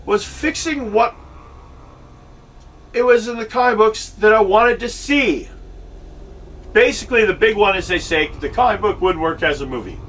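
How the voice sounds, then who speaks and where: A middle-aged man rants in a back-in-my-day way, grumbling and emphatic about what bothers him. His voice is high for a man and has a sharp, forceful edge. He sounds some distance from the microphone. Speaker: vlogger and amateur filmmaker. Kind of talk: opinionated rant to camera. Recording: distant mic with faint background noise.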